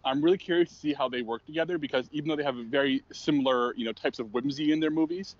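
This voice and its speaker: A man's voice: fairly high pitch, dry recording. Man talking over a dull phone line. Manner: halting, restarts words, then animated. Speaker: film editor, regular guest. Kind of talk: casual podcast chat about movies. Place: outdoors on a parking garage roof.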